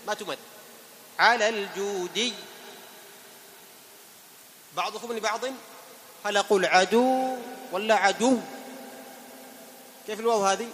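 A man with a fairly high voice teaching the rules of Quran recitation in a hall with long reverberation. He asks his students questions patiently and slowly demonstrates the pronunciation of words. A faint hiss lingers in the recording. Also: a bit bright. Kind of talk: tajweed lesson to a class.

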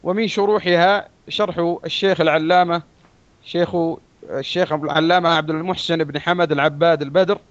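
High-voiced man giving a measured religious lesson. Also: steady tone, no echo, muffled recording. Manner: measured, deliberate, drawn-out phrasing with pauses. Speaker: Islamic scholar teaching a text.

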